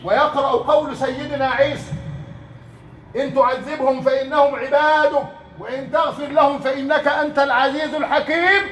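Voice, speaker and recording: High-voiced Egyptian preacher in an echoey hall. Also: male voice, brisk. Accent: Egyptian Arabic. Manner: asks rhetorical questions that the crowd completes, lively and emphatic. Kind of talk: Friday sermon. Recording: echoey hall, mic at a distance.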